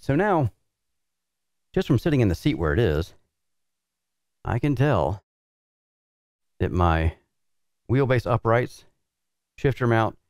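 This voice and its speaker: A middle-aged man, the show's reviewer, calmly walking through assembling a racing cockpit in his workshop, talking practically as he works. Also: low-pitched, creaky, no echo, lo-fi sound. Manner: relaxed, practical explaining while working with tools. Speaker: sim racing equipment reviewer. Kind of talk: hands-on product setup walkthrough. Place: large indoor workshop with concrete floor.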